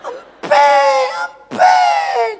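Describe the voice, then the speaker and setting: A preacher voicing his crying two-year-old son who shouts in baby talk. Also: very high voice, lively intonation, normal speed, a faint crowd, pitched above the performer's own voice. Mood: wailing. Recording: reverberant church hall.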